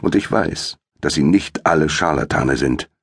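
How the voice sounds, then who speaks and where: A man voicing a loud, blustering, greying male doctor who speaks urgently and uneasily in an audiobook. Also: normal speed, vocal fry, breathy edge, no room sound, clean studio sound, full character voice. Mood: serious. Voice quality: loud, booming.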